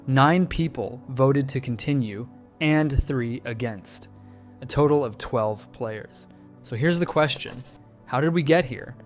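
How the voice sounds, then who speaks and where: Man narrating a measured trailer breakdown. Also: mid-range voice. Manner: measured, analytical, posing questions. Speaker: channel host breaking down a trailer. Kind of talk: scripted video-essay narration.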